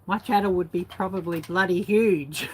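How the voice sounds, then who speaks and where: Her voice fairly low and slightly rough, a woman vlogger on YouTube reminisces at a moderate pace. A native English speaker, she rambles casually without a script, leaning on fillers like "you know" and "sort of."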